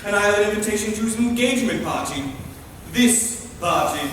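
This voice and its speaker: A man's voice: high voice, expressive, a little fast, fairly bright tone. A man playing a cheeky, bumbling manservant in a farcical stage comedy. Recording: echoey hall, distant mic, clear noise.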